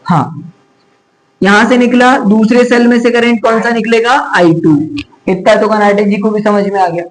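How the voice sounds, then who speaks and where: A man's voice: high voice, steady tone, moderate pace, low-quality recording. A man teaching a physics class, chatty and teasing, scolding students to focus and mixing in English terms. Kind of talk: classroom lecture.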